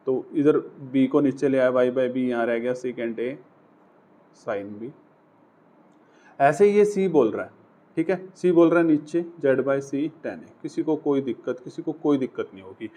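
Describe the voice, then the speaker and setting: A man's voice: on the high side, a little mellow. A man teaching maths at a whiteboard, chatty and coaxing, talking through each step. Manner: chatty, coaxing, voices the equations as characters.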